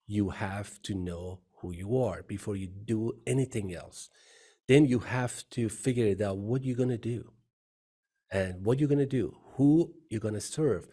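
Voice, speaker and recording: Being interviewed about his journey, an earnest middle-aged CEO from Iran speaks with an Iranian accent in a fairly low, dark voice, going a little slowly. He repeats phrases as he talks.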